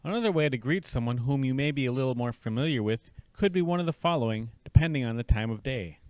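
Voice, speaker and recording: A man's voice: mid-range voice, animated, darkish tone, no echo. A man teaching a language lesson, patiently sounding out syllables and words for the listener to repeat. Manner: slow, drawn-out repetition of syllables.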